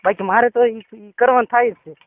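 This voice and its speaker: A man's voice: very high voice, fairly even intonation, brisk. A man speaking on a private phone call, pushy and insistent, often tagging his sentences with a question. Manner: pushy, insistent, repeats "બરોબર?". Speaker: caller. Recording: tinny phone line call recording.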